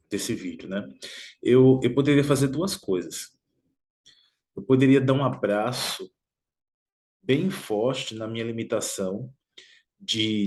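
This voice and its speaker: A Brazilian man telling a personal story in a reflective, unhurried way, often ending phrases with a questioning "né?". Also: mid-range voice, darkish tone. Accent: Brazilian Portuguese. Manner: reflective, frequent "né?" tag questions. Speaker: motivational video host.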